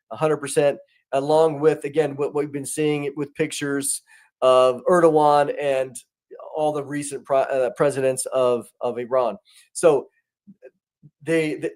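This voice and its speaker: Animated man with a higher voice. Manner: animated, many restarts, rising emphasis. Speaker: guest commentator on prophecy. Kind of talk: conversational commentary.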